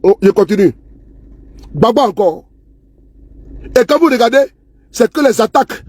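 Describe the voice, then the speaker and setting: High husky-voiced man ranting to camera. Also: animated, moderate pace, no room sound. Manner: repetitive, scornful, keeps asking viewers "you see?". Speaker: political vlogger. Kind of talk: casual political commentary to camera. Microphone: phone or camera he handles himself.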